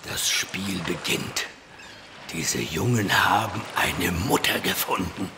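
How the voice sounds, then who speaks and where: A commanding pirate captain schemes in a very low, creaky voice. He speaks with slow menace, as in a children's audio drama, with clear background noise around him. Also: heavily acted. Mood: sly, sinister.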